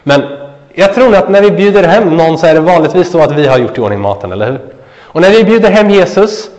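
A man preaching a sermon. He asks the listeners questions, answers them himself, and lets his voice drop low and soft at the ends of phrases. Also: lively intonation. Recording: dull sound with a long hall echo.

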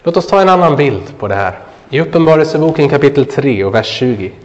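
Male preacher, slightly high voice, muffled recording with long hall reverb, talks in questions and answers. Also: expressive, a little hiss or hum. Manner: asks the listeners questions and answers them. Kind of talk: sermon. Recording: dull sound with a long hall echo.

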